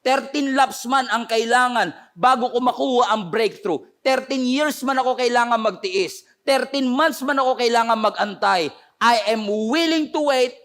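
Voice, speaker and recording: A hoarse man preaching an impassioned sermon as pastor, switching between Tagalog and English and building to emphatic outbursts for an online audience. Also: very high-pitched, normal speed, few pauses, a bit bright.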